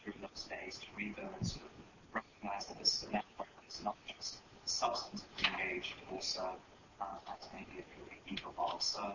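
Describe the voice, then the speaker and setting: A middle-aged man moderating a panel, speaking informally and hesitantly, with many long filled pauses. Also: lowish voice, very animated, gravelly. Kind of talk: informal spoken introduction. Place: echoey indoor event room. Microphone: distant microphone. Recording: distant, echoey, muffled room recording, faint noise.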